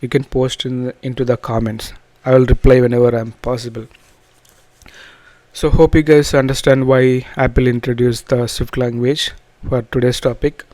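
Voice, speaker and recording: A man with a Telugu accent teaching an informal programming tutorial, in halting, repetitive phrases with restarts. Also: medium pitch, flat delivery, darkish tone, no echo. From south India. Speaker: programming instructor.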